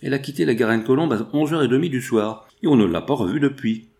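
A man voicing a brisk, complaining young workshop girl. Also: medium pitch, expressive, darkish tone, natural voice.

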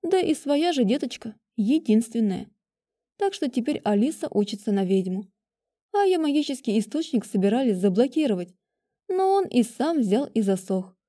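A woman reading a first-person story aloud with lively, expressive delivery. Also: a little high. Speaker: audiobook reader. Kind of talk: first-person audiobook narration.

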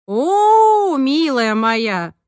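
A woman voicing a blunt, grumbling older cleaning woman in an audiobook, with a slow, drawn-out delivery. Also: medium pitch, sing-song, bright, forceful tone, no echo, studio quality. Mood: dismissive. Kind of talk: audiobook character reading.

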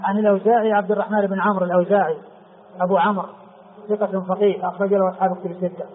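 A man giving a classical Arabic lesson on hadith, explaining in an unhurried way, repeating phrases and using many fillers. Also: sits high, level tone. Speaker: hadith teacher. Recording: tinny phone-like lo-fi recording with faint hiss.

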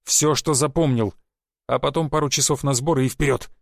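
A man's voice: mid-range voice, fairly even intonation, fairly quick, vocal fry, no echo, studio quality, natural voice. A man voicing an angry, cursing male secret police chief who scolds his agent in an audiobook. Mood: stern. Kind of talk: audiobook character voice.

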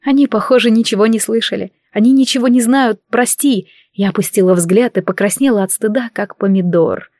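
A woman reading a first-person fantasy audiobook in an emotive, measured way. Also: on the high side, a little mellow, no echo, studio quality. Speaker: audiobook narrator.

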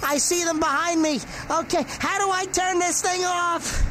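A man's voice: fairly even intonation, normal speed. A man voicing a grumpy, crotchety old man with a strained voice, exclaiming and blustering on a prank phone call. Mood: rattled. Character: grumpy crotchety old man, panicked, irate bulldozer renter. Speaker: prank caller. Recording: noisy phone call, loud engine rumble.

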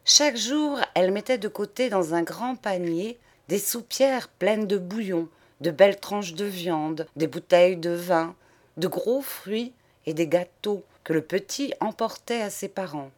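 A woman reading a classic novel aloud, in measured and expressive narration. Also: mid-range voice. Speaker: audiobook reader.

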